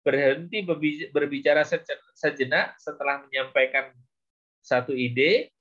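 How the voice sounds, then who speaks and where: A man lecturing on public speaking, with many short fillers and a measured, explaining manner. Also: on the high side, fairly even intonation, fairly bright tone. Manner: slow, with frequent "ya" and "gitu ya" fillers. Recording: dull lo-fi recording.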